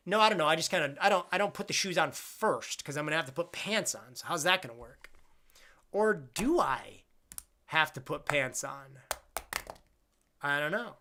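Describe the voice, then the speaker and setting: A man's voice: a little high, lively intonation, normal speed, bright, forceful tone, slight background noise. A man in his twenties chatting casually on a live stream, reading out viewer questions and rambling with jokes at his own expense. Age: 20s. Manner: rambling, self-deprecating, jokey.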